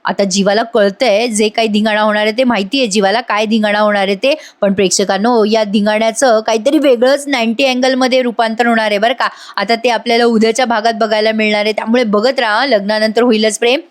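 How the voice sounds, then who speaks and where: A woman's voice: fairly high pitch, fairly even intonation, fast, hardly any pauses. A woman giving a dramatic voice-over recap of a TV serial, exclaiming often and speaking straight to her viewers. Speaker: TV serial reviewer.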